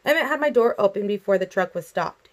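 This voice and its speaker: Woman reading a novel aloud, steady. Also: medium pitch, fairly quick. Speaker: audiobook reader.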